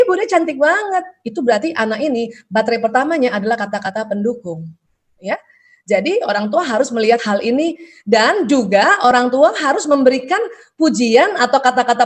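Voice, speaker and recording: A middle-aged woman giving a parenting seminar, acting out the lines of parents and children in a higher voice. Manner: lively, acts out parent and child dialogue with raised pitch. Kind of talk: seminar talk.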